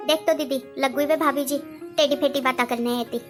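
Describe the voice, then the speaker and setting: A woman plays a young visiting sister in a homemade family drama, high-voiced, speaking. She is wounded and complaining, and faint music plays underneath. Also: fairly even intonation, a little fast, close to an everyday voice. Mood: hurt. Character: hurt young married woman visiting her childhood home.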